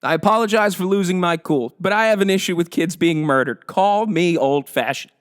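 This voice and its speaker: A man's voice: sits high, brisk. A man hosting his own podcast, delivering a heated, profane and sarcastic comedic rant. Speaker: podcast host.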